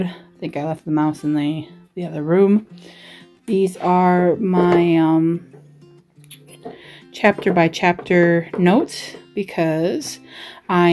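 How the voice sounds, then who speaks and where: Woman w lowish voice doing a chatty vlog tour, giggly n rambly, guitar music behind her. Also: a little mellow. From Australia. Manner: rambling, giggly, self-deprecating. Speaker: vlogger and writer giving a desk tour. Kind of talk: casual chatty show-and-tell.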